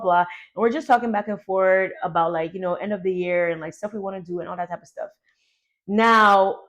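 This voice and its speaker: A young adult woman telling a personal story to her vlog audience in a chatty, animated way, full of "like". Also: mid-range voice. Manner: chatty, animated, heavy use of "like". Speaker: YouTuber.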